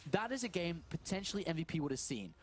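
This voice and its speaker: A man casting a live strategy game match, thinking aloud in quick questions and answers. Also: fairly high pitch, big pitch swings, a little hiss or hum. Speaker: esports caster.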